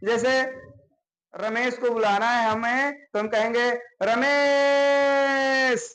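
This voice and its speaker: Teacher, male, high-pitched, walks students through basics, constantly checks they're following. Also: fairly even intonation, a little slow, a bit bright, rough recording. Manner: explains step by step, often checking with "है ना?". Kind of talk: classroom grammar lesson.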